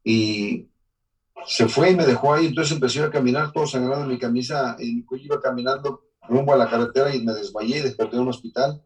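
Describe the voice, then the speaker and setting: Speaking quickly at a medium pitch with a steady tone, a man from Mexico gives a personal life testimony in an interview. His Mexican accent comes through as he talks earnestly and emotionally, occasionally restarting sentences. The low-quality recording places him far from the microphone.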